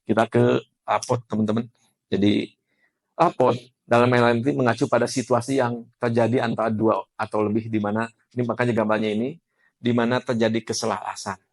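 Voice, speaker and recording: Man lecturing. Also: lowish voice. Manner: lively, asks the class questions. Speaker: NLP trainer. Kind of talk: classroom lecture.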